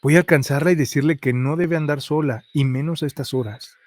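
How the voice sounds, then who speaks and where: A man's voice: fairly high pitch, brisk, darkish tone, dry recording, natural voice. A man reading the lines of a caring woman police officer who sees spirits, earnest and concerned.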